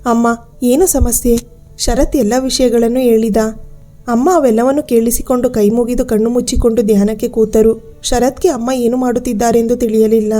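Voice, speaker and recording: A woman storyteller giving a steady, measured scripted narration of a ghost story. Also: on the high side, faint music behind.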